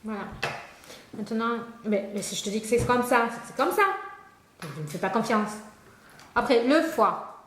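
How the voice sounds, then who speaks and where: A woman's voice: on the high side, a little fast. A woman doing a comedic spelling lesson, rambling to an imagined pupil, trailing off mid-sentence and laughing at herself. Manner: scatterbrained, rambling, talks to an unseen student, trails off and laughs. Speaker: comic spelling tutor. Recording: echoey room with faint noise.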